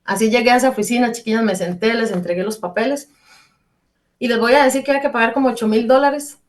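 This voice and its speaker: A woman's voice: on the high side, steady tone, fast. Earnest woman giving a faith testimony. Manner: earnest and fervent, addressing listeners directly; storytelling with quoted dialogue. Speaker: church group member giving testimony. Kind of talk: personal faith testimony on radio.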